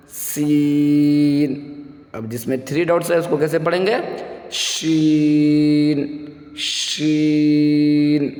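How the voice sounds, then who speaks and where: A man's voice: fairly high pitch, a little mellow. A man teaching beginners Arabic letters for reading the Quran. He explains each letter and has listeners repeat after him, and he stretches and sings out the letter sounds. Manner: drawn-out sung letter sounds for repetition; mixes English words into explanations. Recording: echoey room with long reverb.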